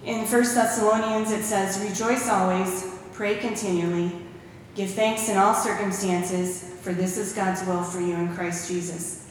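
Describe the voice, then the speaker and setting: A woman shares her testimony at church, weaving warm stories together with scripture quotations. Her mid-range voice stays fairly even and a little slow, and the far-off recording of the echoing hall carries a faint hiss or hum.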